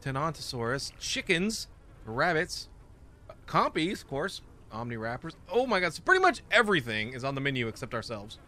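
A young man hosting a gaming video, talking casually and excitably as he plays and reacts. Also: medium pitch, normal speed, slight background noise. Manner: excitable, jokey, exclaims often. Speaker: gaming channel host. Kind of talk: let's play commentary.

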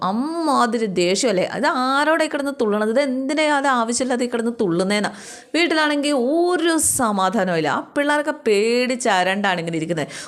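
Chatty woman recapping a serial. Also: fairly high pitch. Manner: chatty, addresses viewers, tag questions. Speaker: channel host recapping a TV serial. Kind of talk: casual storytelling recap.

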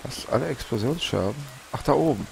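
A man's voice: medium pitch, lively intonation, a little fast, creaky, background noise. A man hosting a let's play with casual commentary, muttering to himself as he plays.

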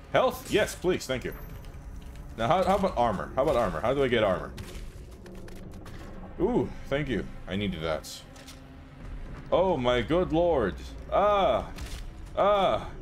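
A man hosting a let's play, commenting on his gameplay in an excitable, profane way with laughs and yelps. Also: mid-range voice, slight background noise. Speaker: gaming channel host.

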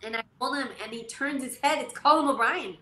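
A woman in her forties from Canada, a jockey guest telling stories in an animated, casual way full of fillers. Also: high voice, a little fast, a crowd in the background. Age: 40s. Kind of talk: casual interview storytelling. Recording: echoey room, faint noise.

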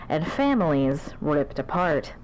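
Weary TV news reporter. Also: female voice, deep voice, big pitch swings, measured pace, a little mellow, a little hiss or hum, poor audio. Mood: dramatic. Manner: dramatic newscaster reading.

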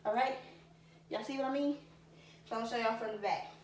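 A woman's voice: fairly high pitch, fast, slight background noise. A young woman teaching a dance tutorial, chatty and a bit out of breath, counting moves aloud and calling her viewers y'all. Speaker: dance instructor. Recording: echoey room, distant from mic.

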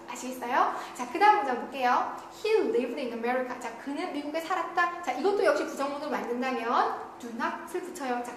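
Female grammar teacher with a high voice and a heavy room echo who asks and answers her own questions. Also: pushed and bright. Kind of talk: online grammar lecture. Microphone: studio lecture recording. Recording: very echoey room with faint noise.

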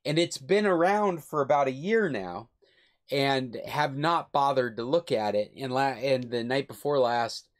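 A man's voice: medium pitch, lively intonation, a little slow. An older man hosting a club video call, casually recommending a film in a rambling, enthusiastic, self-correcting way. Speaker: club host.

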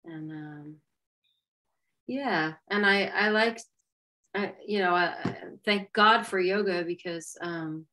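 On a relaxed video call from home, a middle-aged woman from Maryland, USA, a singer and yoga instructor, tells stories animatedly in lively bursts. Her pitch sits fairly low and she talks slowly.

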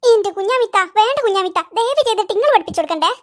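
A teasing, whiny cartoon boy. His voice is extremely high and piping, and his complaints come out cheeky. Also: expressive, racing. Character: cheeky young boy, Salman, quick with teasing. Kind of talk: cartoon voice acting.

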